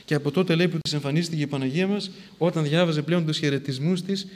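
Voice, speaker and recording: Man, preacher, sermon, slightly high voice, plain storytelling, emphatic formal recitation. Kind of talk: sermon retelling a saint's life.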